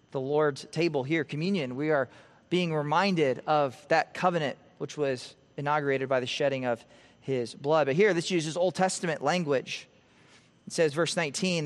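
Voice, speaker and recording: A male pastor delivers an expository sermon in a church sanctuary. His voice sits a bit high and climbs on emphasized words before falling quiet at the close of phrases. The sound carries a long, hall-like reverb. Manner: animated preaching, rising emphasis and dropping to quiet at phrase ends.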